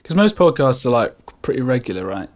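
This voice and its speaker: A man's voice: medium pitch, very animated, a little fast. A man co-hosting a podcast, trading dry, teasing banter in casual chat. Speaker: podcast co-host.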